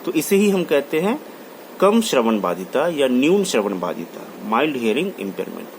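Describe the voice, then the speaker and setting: A man's voice: mid-range voice, sing-song, normal speed, vocal fry. A man giving a classroom lecture, repeating key terms and restating each point, mixing English terms into his talk. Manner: mixes English terms into Hindi. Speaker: college lecturer. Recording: faint background noise.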